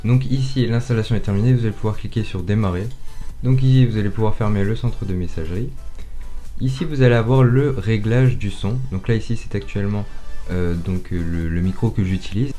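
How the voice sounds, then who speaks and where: A man presenting a step-by-step software tutorial, with hesitant, repetitive phrasing. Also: lowish voice, fairly quick. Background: background music.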